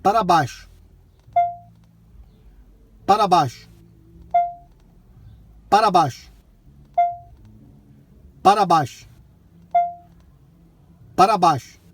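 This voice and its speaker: A Brazilian man from Bahia talking to a voice assistant in loud, clipped, carefully enunciated commands during an informal tutorial. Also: high voice, very slow, long pauses. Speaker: tutorial presenter, shop owner.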